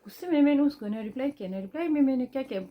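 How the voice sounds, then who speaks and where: A woman's voice: sits high, lively intonation, racing, highs cut off. A Tibetan woman with a Tibetan accent, telling a personal story in a chatty vlog, repeating phrases and tagging questions as she goes. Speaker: vlogger.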